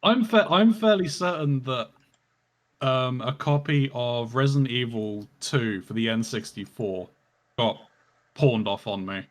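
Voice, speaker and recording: A man's voice: medium pitch, lively intonation, measured pace. Guy on a stream call, hesitant, says um a lot, easygoing game talk. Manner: hesitant, many "um"s. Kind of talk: casual gaming chat.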